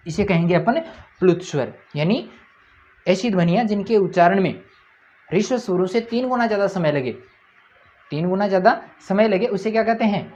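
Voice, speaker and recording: A man's voice: sits high, darkish tone, muffled recording. A man teaching a grammar lesson at a board. He keeps asking his own questions, answers them, and repeats each point.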